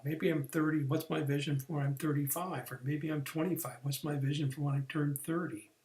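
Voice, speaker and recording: A man's voice: fairly high pitch, echoey room. A man, working as a career coach, explaining the steps of an online training lesson in an unscripted way, with fillers and restarts.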